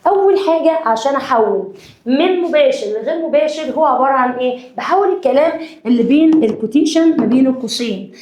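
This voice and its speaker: A high-pitched woman with an Egyptian accent teaches a grammar lesson. She dictates word by word and keeps checking whether her students are following. Her voice rings around an echoey room. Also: animated, quick pace, darkish tone. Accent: Egyptian Arabic. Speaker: English teacher.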